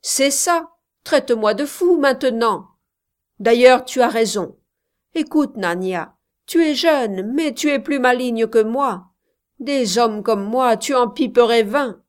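A jealous young shepherd boils over, loud, contemptuous and threatening, every word weighed out slowly, as a woman reading the tale acts him. The voice sits a touch high for a man, straining upward when he shouts in this storybook reading. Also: expressive. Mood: angry, accusing.

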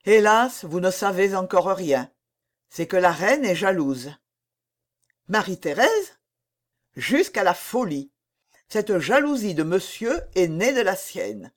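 A woman reading the lines of a young king who is lovesick, jealous and tormented, in an animated, pleading voice. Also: medium pitch, takes it slowly. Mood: anguished. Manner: pleading, heated outbursts.

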